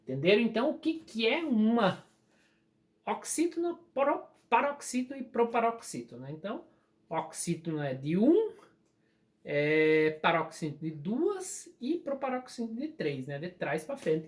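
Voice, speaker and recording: In a recorded grammar lesson, a teacher with a Brazilian Portuguese accent explains things patiently and lingers slowly over important words. Her voice sits in the mid-range.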